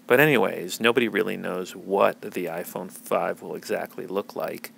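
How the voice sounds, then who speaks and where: A man's voice: low voice, normal speed, gravelly, a bit bright, a little hiss or hum. A man hosting a podcast, talking through tech news in a casual, rambling way with many fillers and restarts. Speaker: podcast host.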